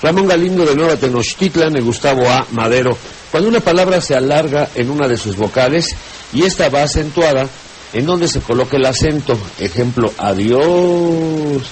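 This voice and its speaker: A man's voice: medium pitch, animated, a little hiss or hum, low-quality recording. A man with a Mexican accent hosting a radio show, reading listeners' questions aloud and chatting along with the guest. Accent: Mexican Spanish. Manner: reads letters briskly, then chats along.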